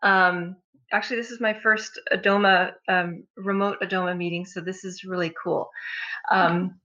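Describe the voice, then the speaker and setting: A woman's voice: fairly low pitch, steady tone, normal speed, bright, forceful tone. A woman speaking at a remote meeting over a crackly phone line that cuts in and out, hesitant and full of ums. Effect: crackly phone line cutting in and out. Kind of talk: casual meeting introduction.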